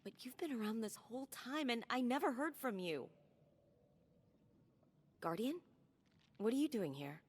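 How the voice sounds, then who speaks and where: Casting: wounded, defensive young sister, animated and a bit high, in a reverberant space. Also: female voice, unhurried, long pauses, breathy edge. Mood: hurt. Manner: emotional, defensive. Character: young woman, hurt and distrustful sister. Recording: game cutscene with long reverb.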